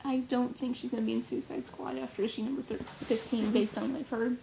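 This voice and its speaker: A woman's voice: a little high, steady tone, fast talker, creaky, noisy background. Giggly young woman chatting casually. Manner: rambling, giggly, speculative. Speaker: comic fan co-host. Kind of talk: casual chat.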